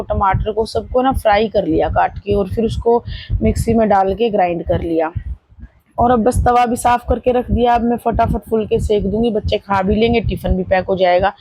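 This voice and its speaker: Woman, thirties, family vlogger, casual chatty narration, warm tone, dry close sound. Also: mid-range voice, slightly rough, dry recording, poor audio. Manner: chatty, running commentary on chores. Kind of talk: casual daily-life vlog narration.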